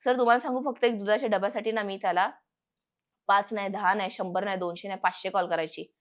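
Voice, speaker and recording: A young woman, a podcast guest, telling a painful personal story in an earnest, halting way, repeating words for emphasis. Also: mid-range voice, steady tone.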